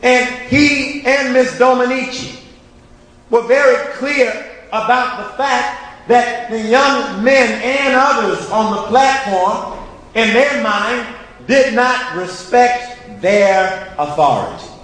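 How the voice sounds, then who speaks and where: A man with a high voice preaches in an emphatic, rhythmic cadence, stacking repeated phrases as he addresses his listeners directly. He takes his time, letting each line land. The sound is heavy with echo, as if captured in a large hall with a long tail of reverb. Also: animated, slow pace, fairly bright tone. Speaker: teacher and ministry student giving an address.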